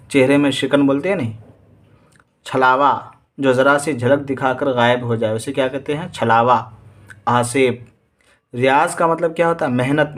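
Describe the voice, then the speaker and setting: A man with an Indian Urdu accent teaching exam vocabulary. He reads each word with its meaning, repeats it and quizzes his students. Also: mid-range voice.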